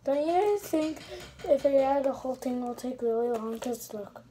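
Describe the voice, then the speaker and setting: A woman's voice: high voice, normal speed. A female vlogger casually chatting to viewers from her bedroom while making slime, rambling with apologetic asides. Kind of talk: casual vlog chat to viewers. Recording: crinkling and clicking noise behind voice.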